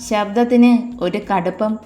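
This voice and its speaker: A woman's voice: medium pitch, measured pace, natural voice. A woman voicing a menacing male boss who gives contemptuous, commanding orders. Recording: echoey room with soft music.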